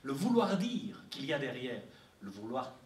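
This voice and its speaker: A man lecturing at a university, animated and chatty, full of fillers and repeated words. His mid-range voice sounds roomy and far from the mic, with faint background noise. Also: mid-range voice, moderate pace. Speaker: translation lecturer. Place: university library lecture room. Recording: echoey room, mic from far off.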